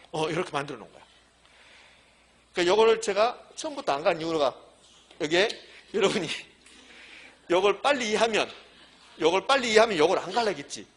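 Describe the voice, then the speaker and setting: A man's voice: sits high, fairly bright tone. A middle-aged man lecturing a class for a real estate exam, repeating key points emphatically as he works through examples on the board. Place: classroom with a blackboard.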